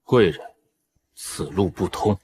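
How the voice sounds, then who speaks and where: An actor playing a coolly confident, taunting martial-arts villain in a fantasy drama. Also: male voice, low voice, lively intonation, slow pace, a little mellow. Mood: cool menace.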